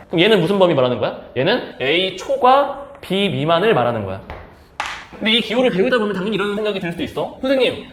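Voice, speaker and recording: A man's voice: sits high, fairly bright tone, reverberant. A male math teacher giving a casual lecture, asking questions and then answering them himself. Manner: asks and answers his own questions; casual, speaks in plain everyday talk to students.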